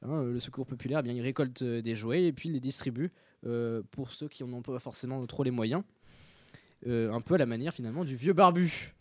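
A man's voice: mid-range voice, fairly quick, a little mellow, dry recording. A young man presenting a radio column in casual talk, hesitant and full of fillers.

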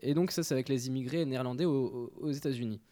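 A man's voice: mid-range voice, fast talker, dark tone, no echo. A young man presenting a radio column in casual talk, hesitant and full of fillers.

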